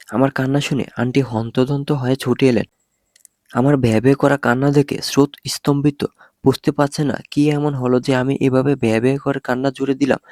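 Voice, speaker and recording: A man narrating a first-person romance story with an expressive, dramatic reading. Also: medium pitch, dry recording, studio quality.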